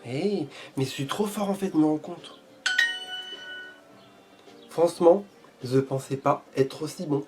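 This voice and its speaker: A man's voice: on the high side, unhurried, pauses often, over music. A man chatting casually in a vlog while learning Portuguese, playful and jokingly boastful, repeating foreign phrases as he tries them out.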